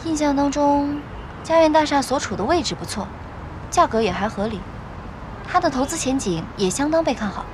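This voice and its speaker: A shrewd young secretary. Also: female voice, high voice, expressive, normal speed, background noise. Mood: assured. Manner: assured, matter-of-fact. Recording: music playing behind.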